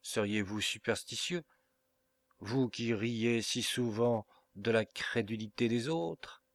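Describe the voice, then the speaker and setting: A man voicing a young Italian gentleman guest, speaking in a hushed, pleading way for an audiobook. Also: mid-range voice, slow, dry recording.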